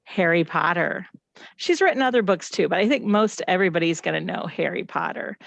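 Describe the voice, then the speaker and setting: A middle-aged teacher presents a reading lesson at a family night, encouraging the children and families and asking them questions. Her fairly low, creaky voice is animated and brisk, and the recording is dry.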